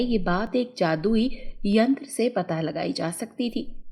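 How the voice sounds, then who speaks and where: Slow, lively-pitched woman storyteller. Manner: slow, expressive storybook reading. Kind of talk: scripted narration of a children's story.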